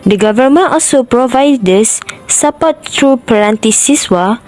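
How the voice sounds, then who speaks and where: Young woman, slightly high voice. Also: expressive, unhurried, a little mellow, soft background music, rough recording. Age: young adult. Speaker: documentary narrator. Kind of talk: read narration.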